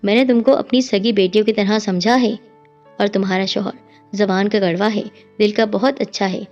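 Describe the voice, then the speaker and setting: A woman's voice: medium pitch, fairly even intonation, darkish tone, highs cut off, lightly acted. A woman voicing a kind elderly mother-in-law who speaks tenderly and consolingly, over faint music.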